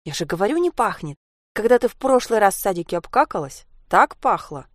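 A woman voicing a bold, bossy little girl who talks loudly and insistently in a read-aloud story. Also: mid-range voice, sing-song, fairly quick, no echo, studio quality. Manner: loud, insistent, shouting.

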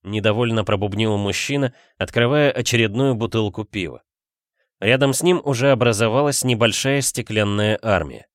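A man narrating an audiobook in a steady, measured way. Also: lowish voice, no room sound, studio quality.

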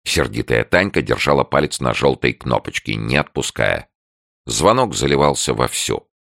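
A man with a very deep, gravelly voice reads a novel aloud. His delivery swings with lively, expressive intonation. The sound is dry and close to the mic. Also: normal speed, no echo. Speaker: audiobook narrator. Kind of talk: scripted narration.

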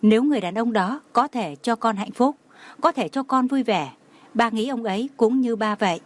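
A woman voicing a gentle, consoling older father who speaks kindly to his daughter. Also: on the high side, normal speed, close to an everyday voice.

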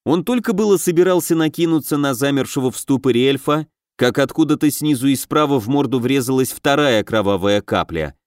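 A man reading an audiobook in a steady storytelling voice. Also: mid-range voice, a little fast, hardly any pauses, no room sound, studio quality. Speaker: audiobook narrator. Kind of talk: scripted narration of a fantasy game novel.

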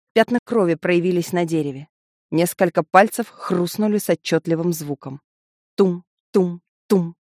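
A woman narrating a dark fantasy audiobook in a vivid, tense storytelling manner. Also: on the low side, no echo, clean studio sound.

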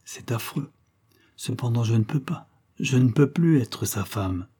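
A man's voice: medium pitch, expressive, a little slow, dark tone, breathy edge. A man voicing an anxious, pleading young woman in a read-aloud crime story. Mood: anguished. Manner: pleading, emotional.

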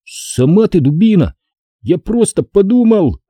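A man's voice: high voice, big pitch swings, a little slow, warm tone, slightly rough, no room sound, clean studio sound, pitched above the performer's own voice, heavily acted. A man voicing a jumpy young boy who gets flustered and indignant in a storybook reading.

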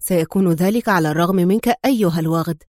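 A woman reading a storybook, voicing a stern male spy hero who speaks low, calm and curt. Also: fast, no echo, clean studio sound, close to an everyday voice. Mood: cold.

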